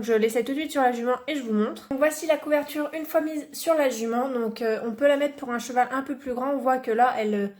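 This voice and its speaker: A woman from France chatting casually in a hobby vlog, showing items and talking with lots of fillers and restarts. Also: fairly high pitch. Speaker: hobby vlogger. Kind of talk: casual vlog with show-and-tell.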